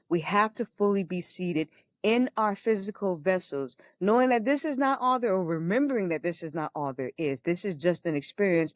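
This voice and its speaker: A woman's voice: fairly low pitch, dry recording. Frank, earnest woman with a dry, close sound. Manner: frank and profane, laughing often; earnest, teaching tone. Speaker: podcast co-host. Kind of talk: casual spiritual talk.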